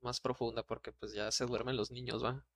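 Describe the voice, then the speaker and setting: A man co-hosting a casual livestream chat, telling stories in a relaxed, slangy way with many restarts. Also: mid-range voice, a little fast, no echo, clean studio sound.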